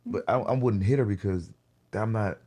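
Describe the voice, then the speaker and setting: A man's voice: lowish voice, normal speed, mellow. A young man hosting a podcast, telling a story in a casual, slangy way full of profanity. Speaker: podcast host.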